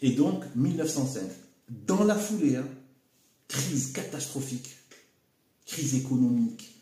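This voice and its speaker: A man speaking alone to camera in a loose, unscripted way. His voice is mellow and dark, and he often stalls, repeats words and drops fillers. The room around him rings with noticeable echo. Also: mid-range voice, animated. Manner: halting, repeats words, fills with "hein" and "voilà". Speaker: video commentator. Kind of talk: unscripted solo video monologue. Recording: echoey room.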